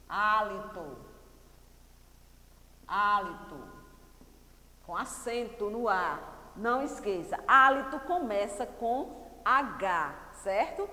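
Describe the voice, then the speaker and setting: A woman with a Brazilian Portuguese accent teaches a class of young children, repeating key words and asking them questions as she goes. Her voice sits a little high and moves at an unhurried, deliberate pace. The recording has a roomy sound with a long, lingering reverb. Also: pushed and bright. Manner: patient, repeats key words and quizzes pupils. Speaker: primary school teacher. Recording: echoey room with long reverb.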